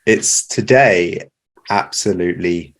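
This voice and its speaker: Young man, deep voice, laid-back guest on a remote call. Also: slow pace. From Cornwall. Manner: relaxed, laughs through stories. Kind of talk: casual chat. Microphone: remote call with earphones.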